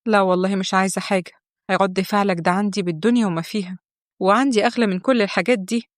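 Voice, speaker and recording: A woman's voice: medium pitch, fairly even intonation, racing, no echo, studio quality, natural voice. A woman voicing a young newlywed wife who speaks sweetly and reassuringly in Egyptian Arabic. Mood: tender.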